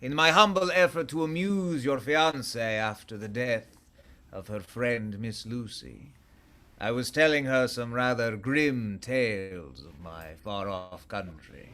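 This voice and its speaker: An actor playing a suave, courtly Transylvanian vampire count in a radio play, speaking with formal, ornate politeness. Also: male voice, mid-range voice, lively intonation, measured pace, bright, forceful tone. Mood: smooth courtesy. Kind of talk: theatrical radio play acting.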